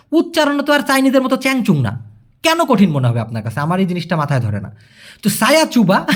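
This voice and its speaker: A man teaching a language lesson in a chatty way, repeating his examples and asking and answering his own questions. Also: high-pitched. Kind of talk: casual spoken language lesson.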